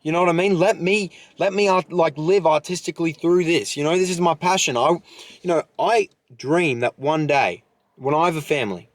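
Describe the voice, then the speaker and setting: A man's voice: fairly high pitch, moderate pace, no room sound. Fired-up young man rambling on a podcast. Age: young adult. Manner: fired-up, rambling, lots of fillers. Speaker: podcast host. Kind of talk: solo podcast monologue.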